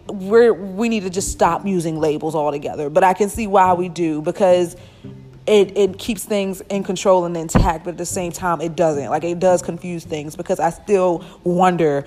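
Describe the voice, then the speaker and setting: On her own casual podcast, a twentysomething woman rants with blunt emphasis and frequent cursing. Her voice is warm and on the low side.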